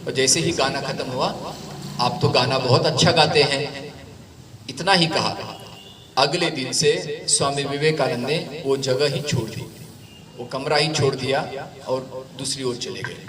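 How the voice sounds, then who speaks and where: A man giving a spiritual lecture as lively, conversational storytelling, with asides to the audience. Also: medium pitch, unhurried. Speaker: spiritual speaker. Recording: echoey room, distant mic, crowd.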